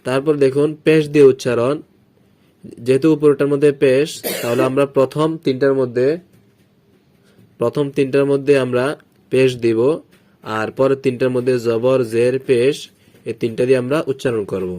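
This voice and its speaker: A man with a mellow, dark-toned voice gives a step-by-step recitation lesson. He drills short syllables patiently and repeats each pattern slowly so learners can follow. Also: mid-range voice, fairly even intonation. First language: Bengali. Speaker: Quran recitation teacher.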